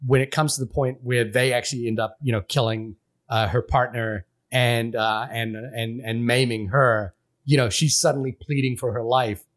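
A man's voice: medium pitch, fairly even intonation, normal speed, a bit bright. A man from Fiji, a podcast co-host, talking through a film in casual, rambling chat full of restarts and fillers.

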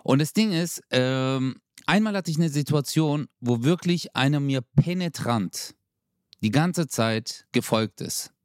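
A young man chatting casually on a podcast, telling an animated story with street slang. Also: mid-range voice, unhurried, dry recording, clean studio sound. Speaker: podcast co-host. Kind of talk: casual chat.

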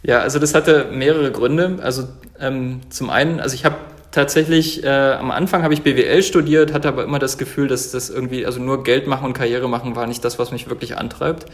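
Man, 30s, from Germany, interview guest, earnest, halting, mid pitch. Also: fairly even intonation. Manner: earnest, full of fillers and restarts. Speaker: guest, company founder. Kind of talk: casual interview talk.

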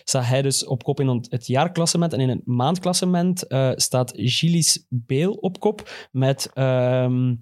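A man's voice: medium pitch, measured pace, few pauses, a little mellow. A man with a Flemish Belgian accent, presenting in a casual, unscripted football chat.

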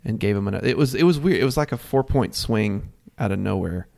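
A man co-hosting a sports podcast, chatting casually and breaking into animated, mocking jokes. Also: fast, creaky. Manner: animated, mocking, jumps high when joking. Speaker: podcast co-host.

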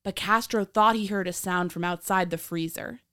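A woman hosting a podcast, reading scripted true crime narration in a measured, dramatic storytelling manner. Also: mid-range voice, a bit bright, smooth, no echo, studio quality. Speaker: podcast host.

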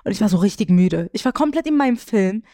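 A woman co-hosting a casual podcast, telling a lively anecdote and acting out the people in it. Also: medium pitch, quick pace, dry recording, studio quality. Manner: animated anecdote telling, acts out quoted voices. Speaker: podcast co-host. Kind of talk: casual podcast chat, storytelling.

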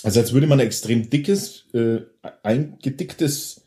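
A man's voice: medium pitch, unhurried, dark tone. A man with a Franconian German accent, co-hosting a casual beer tasting and hesitating as he searches for the right words to describe flavours. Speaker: podcast co-host, beer taster.

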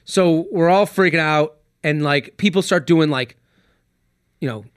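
A man, a comedian guest on a podcast, telling a story in casual chat, animated and swearing freely. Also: a little high, a little slow, clear, resonant tone, no room sound, studio quality.

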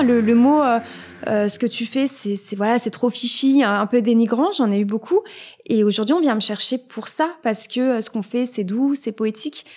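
A woman with a fairly high voice chatting as a podcast guest. She talks loosely and keeps restarting her sentences, with lots of "euh" between thoughts. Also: darkish tone. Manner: hesitant, many fillers and restarts. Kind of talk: casual interview chat.

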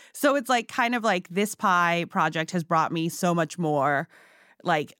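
A woman talking about her baking in a relaxed, chatty way, full of fillers and quick asides. Her voice sits a little low. The studio sound is dry and close. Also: no echo. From Singapore and Hong Kong. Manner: chatty, frequent fillers, laughs easily. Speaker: guest, pie baker. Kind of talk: casual interview chat.

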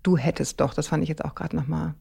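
Woman host, lowish voice, thinks out loud and keeps checking in with her guest. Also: steady tone, fast, vocal fry, breathy edge. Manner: reflective, summarizing with frequent "ne?" tags. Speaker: podcast host. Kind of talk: conversational interview.

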